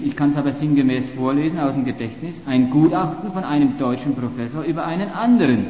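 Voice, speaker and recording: A man's voice: a little high, echoey room, big-room sound, dull audio. A man giving a polemical university lecture, arguing sarcastically and often restarting his phrases.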